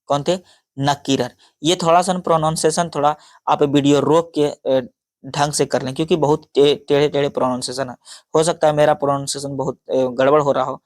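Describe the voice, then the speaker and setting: Man, quiz-style lecture, halting, self-correcting, dry recording. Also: a little high, no room sound. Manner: halting, stumbles over names and restarts, frequent sorry. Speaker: teacher. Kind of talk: exam-prep lecture read from notes.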